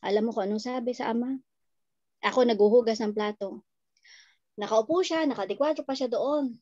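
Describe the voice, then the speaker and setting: A woman, a mother telling a lively family story in casual chat. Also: a little high, fairly quick, no room sound, lo-fi sound. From Philippines. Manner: animated storytelling, quoting family.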